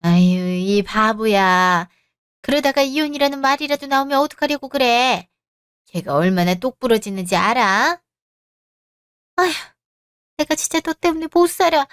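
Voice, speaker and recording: A woman voicing an older, fussy mother-in-law in a radio drama, scolding her son in a shrill, fussy way. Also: lively intonation, moderate pace, a bit bright, clear, resonant tone, no room sound, studio quality. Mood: exasperated.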